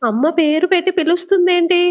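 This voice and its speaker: A woman's voice: very high voice, a little fast, voice pushed up. A woman voicing a nervous grown son who panics at strange sounds. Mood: scared.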